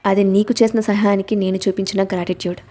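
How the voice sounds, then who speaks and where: A woman reading an audiobook aloud and voicing a protective, commanding young husband a little lower than her narration, with no big change of voice. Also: level tone, quick pace, warm tone, natural voice. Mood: tender.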